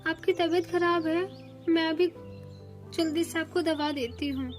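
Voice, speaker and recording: Dutiful young sparrow wife, gentle and high, woman performing, storybook cartoon. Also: steady tone, a little slow, faint music behind. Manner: soft and polite.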